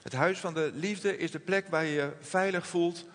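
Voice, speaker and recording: A man preaching a sermon in a gentle, reflective manner, slowing and softening his voice on quoted words. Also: fairly high pitch, in a large hall. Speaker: pastor.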